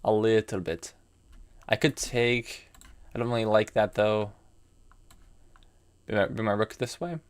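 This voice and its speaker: Unhurried and steady, his clean, lowish voice pauses often as he works through his chess moves out loud. The speaker is a young American man, early twenties, streaming a game and replying to chat with relaxed, musing remarks.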